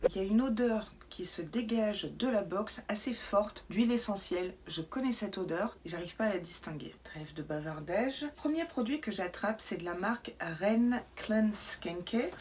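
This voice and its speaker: A woman's voice: mid-range voice, a little hiss or hum. Chatty woman unboxing to camera. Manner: chatty, drops into soft asides. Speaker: beauty box unboxing vlogger. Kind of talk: casual unboxing chat to camera. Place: indoor room lit by bright lamps.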